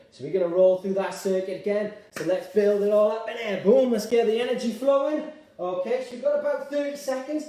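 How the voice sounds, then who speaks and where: Brief: Welsh male fitness instructor, upbeat and chatty, a bit breathless, mellow voice, echoey room from a distance. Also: fairly high pitch. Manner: encouraging, chatty, a bit out of breath while exercising. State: slightly out of breath. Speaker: exercise instructor. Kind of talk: live online exercise class.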